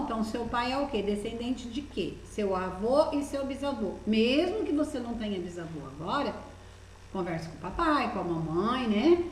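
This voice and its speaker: In a low-quality recording with a roomy sound and a bit of hiss or hum, a Brazilian woman with a voice on the high side teaches primary school children. Speaking with a Brazilian Portuguese accent, she works through a workbook and patiently coaxes the kids with plenty of questions.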